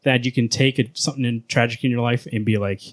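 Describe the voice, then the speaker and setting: A man's voice: medium pitch, steady tone. A man hosting a podcast, chatting casually and enthusiastically, peppering his talk with "like" and "right". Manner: quick, enthusiastic, many likes and rights. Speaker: podcast host. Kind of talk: casual chat.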